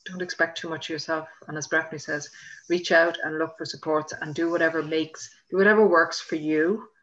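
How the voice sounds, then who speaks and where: A woman on an online bereavement panel, speaking earnestly and gently. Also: low voice, fairly even intonation, brisk, highs cut off.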